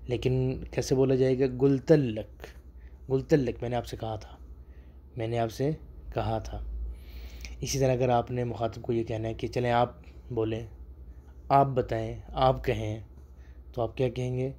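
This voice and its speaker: A man giving a video lesson on spoken Arabic dialect, explaining phrases patiently and repeating each one slowly with emphasis. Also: medium pitch, little pitch movement, dark tone.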